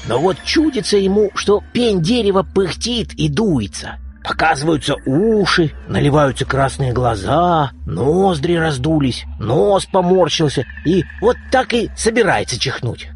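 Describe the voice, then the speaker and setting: Lively male storyteller. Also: a little slow, hardly any pauses, faint music behind. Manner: dramatic, varied pitch, acting out creature cries. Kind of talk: expressive storybook reading.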